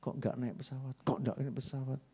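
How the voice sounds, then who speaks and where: A man's voice: medium pitch, level tone, fairly quick, dark tone, husky, pitched below the performer's own voice. A man voicing an impatient male airline passenger who complains and mutters while waiting. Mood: grumbling. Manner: complaining, muttering under breath.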